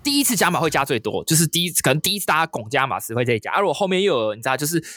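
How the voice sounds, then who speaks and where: A man's voice: fairly high pitch, big pitch swings, rapid-fire, pushed and bright, dry recording. A man telling a story in casual chat, acting out quotes in a raised voice. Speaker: storyteller recounting hosting a company party.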